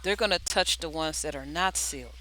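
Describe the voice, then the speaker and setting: A person giving an impromptu religious exhortation like a video diary, pleading earnestly and urgently, often repeating words in a halting way. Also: mid-range voice, sharp tone, poor audio. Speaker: video diarist sharing prophetic dreams.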